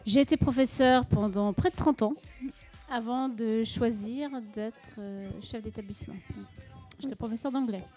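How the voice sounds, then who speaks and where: Calm, low-toned middle-aged woman explaining. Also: faint music behind. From Paris. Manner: measured, explanatory, many hesitations. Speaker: school deputy head being interviewed. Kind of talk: casual interview answers.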